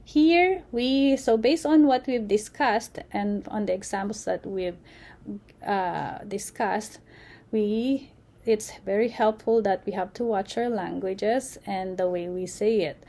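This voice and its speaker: A woman giving an unscripted lecture, halting often with fillers and restarts. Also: medium pitch, dark tone. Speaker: presenter.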